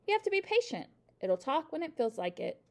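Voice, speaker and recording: A woman's voice: high-pitched, very animated, a little fast, pitched above the performer's own voice. Woman as a proud, stubborn little boy. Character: proud, stubborn six-year-old boy.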